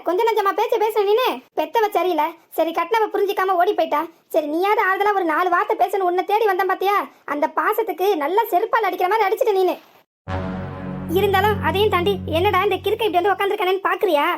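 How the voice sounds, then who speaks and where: Woman doing a cartoon village guy, hurt and stubborn, southern tamil nadu accent, scolds in long runs, rapid. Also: extremely high pitch, soft background music. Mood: angry. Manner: heated scolding, drawn-out reproach. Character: hot-tempered grown village man, hurt and stubborn.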